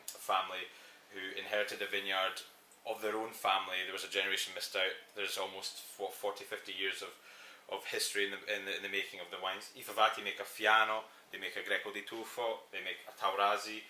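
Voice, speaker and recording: A man from southern Italy chatting casually about a wine, animated and rambling with restarts. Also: lowish voice, echoey room, rough recording. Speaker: wine importer. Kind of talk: casual wine tasting chat.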